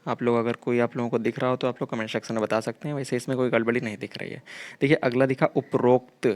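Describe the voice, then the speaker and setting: A man's voice: medium pitch, level tone, fast, a little mellow. Man, teacher, exam-prep grammar lesson, explanatory, repetitive. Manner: repetitive, explanatory, keeps saying 'dekhiye' and 'theek hai'.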